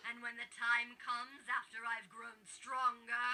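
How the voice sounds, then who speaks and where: A woman's voice: fairly high pitch, little pitch movement, a little slow, pushed and bright, full character voice. A woman voicing a sinister, gloating possessed pumpkin for a Halloween toy, with theatrical menace and a round, hollow pumpkin voice. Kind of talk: spooky Halloween toy character.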